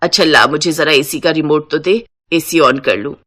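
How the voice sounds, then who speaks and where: A woman's voice: low voice, moderate pace, sharp tone, voice pushed down. A woman voicing a fussy older mother-in-law who gives orders and complains about the cold, in a comic storybook. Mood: complaining. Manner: commanding, then whiny.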